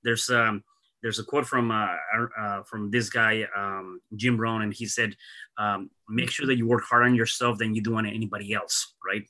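A man hosting a podcast, talking in a halting way with many repeated words and fillers. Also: on the low side, flat delivery, sharp tone. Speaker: podcast host. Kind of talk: casual podcast conversation.

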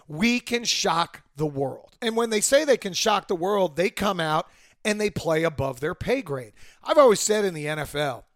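A man hosting a sports podcast with emphatic, opinionated football commentary, his voice hoarse from a cold. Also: a little high, no echo, studio quality. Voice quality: hoarse, worn voice.

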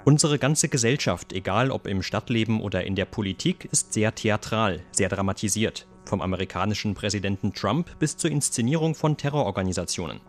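A man's voice: fairly low pitch, brisk, hardly any pauses, soft background music. A man reading a scripted voice-over for a radio report. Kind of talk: scripted voice-over translation of a speaker.

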